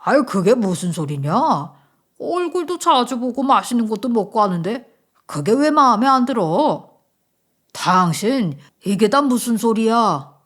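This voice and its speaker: A woman voicing a hot-tempered older husband and father-in-law who scolds loudly and dotes on his daughter-in-law. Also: on the high side, sing-song, unhurried, full character voice. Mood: angry scolding. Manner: loud, scolding, blustering.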